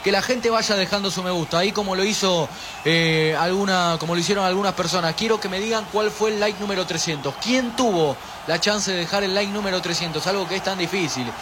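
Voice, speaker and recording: A man's voice: high voice, a little fast. A man with an Argentine accent narrating a live football stream, chatting with viewers, reading their messages and urging them to like. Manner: animated, reads viewer chat aloud, pushes for likes. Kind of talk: live pre-match stream commentary. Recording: steady background noise.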